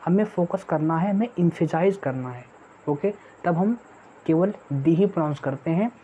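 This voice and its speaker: A woman's voice: lowish voice, normal speed. A woman teaching an online exam-prep English lesson. She repeats herself often, calls the viewers friends, and asks questions she then answers. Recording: dull lo-fi audio with faint noise.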